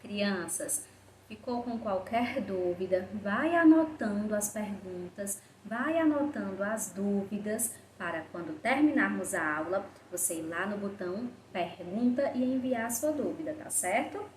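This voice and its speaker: A woman's voice: medium pitch, lively intonation, measured pace. A woman primary school teacher giving a remote class lesson, patiently walking children through each step and voicing their questions herself. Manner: voices pupils' questions herself. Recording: echoey room with faint background hiss.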